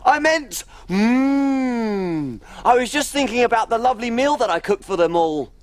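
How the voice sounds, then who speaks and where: A woman's voice: fairly high pitch, lively intonation, a little slow. A woman playing a tiny, cheerful female cook on a children's TV show, bubbly and giggly, telling stories in a sing-song way. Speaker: children's TV presenter. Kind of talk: children's TV acting and storytelling.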